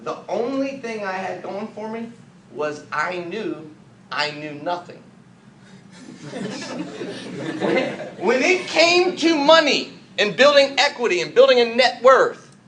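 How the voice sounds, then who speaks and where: A man from the United States giving an energetic motivational business training talk, full of rhetorical questions and jokey asides. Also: sits high, slow, pauses often. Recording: echoey room, faint background noise.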